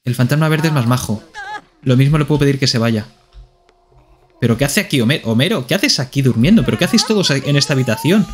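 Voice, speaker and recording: A man's voice: medium pitch, animated, fast. A man with a Spain Spanish accent streaming live gameplay commentary, playfully talking to himself and to the characters on screen.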